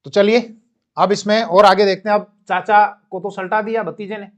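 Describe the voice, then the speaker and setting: Male history teacher with a high voice, explaining with asides and corrections. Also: fairly even intonation, normal speed, highs cut off. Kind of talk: classroom history lecture.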